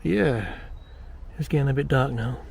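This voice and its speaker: A man's voice: mid-range voice, measured pace, creaky, darkish tone, breathy edge. A British man acting as a boastful, uneasy amateur ghost hunter, rambling self-importantly to camera in a found-footage horror film. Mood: boastful, nervous. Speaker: paranormal investigator presenting a documentary.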